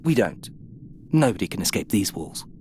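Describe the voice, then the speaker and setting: A woman voicing a sly demonic talking staff in a fantasy video game, theatrical and mock-servile, with a gravelly creak. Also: rumbling low, big pitch swings, moderate pace, a little mellow, a little hiss or hum. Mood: gloomy, theatrical. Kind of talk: video game character acting. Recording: game ambience behind the voice.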